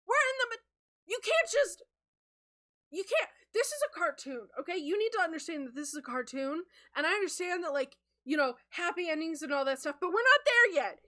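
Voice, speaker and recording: A woman's voice: sits high, a bit bright. A woman voicing a self-aware cartoon seagull henchman in a rainbow hat, talking in an exasperated, reasoning way. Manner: exasperated, then frankly reasoning.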